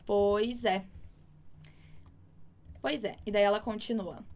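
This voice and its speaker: A Brazilian woman teaching Spanish in an online lesson, explaining patiently and repeating words slowly so learners can practise. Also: mid-range voice, fairly even intonation, darkish tone. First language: Portuguese.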